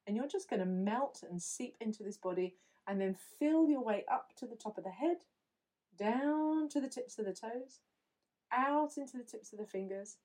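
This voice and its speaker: Woman with a mellow voice guiding a meditation. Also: a little high, expressive. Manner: slow, soothing, instructive. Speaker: meditation guide. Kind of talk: guided visualization.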